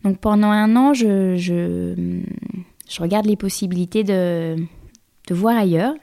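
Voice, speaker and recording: Her medium-pitched voice now sounds creaky and mellow, moving a little slowly. Still the interview guest in her thirties, she stumbles through her story with frequent restarts and filler words in a conversational exchange.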